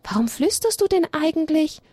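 A woman's voice: sits high, sing-song, moderate pace, no room sound, voice pushed up. A woman voicing a bold, cheeky young male animal in a children's story. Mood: curious, uneasy. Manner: cheeky, loud-spoken.

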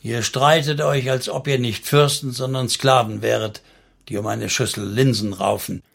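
A man's voice: medium pitch, fairly even intonation, creaky, slightly rough. A man doing a commanding army leader. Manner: commanding, deliberate. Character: commanding male army leader, firm and steady.

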